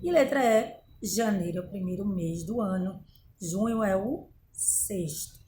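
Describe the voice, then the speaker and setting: A woman's voice: medium pitch, measured pace, dark tone, reverberant, slight background noise, low-quality recording. A woman from Brazil teaching a remote lesson to young pupils, going through a workbook and often checking in with them. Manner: patient, explains step by step, often checks in with "tá bom?". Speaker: primary school teacher.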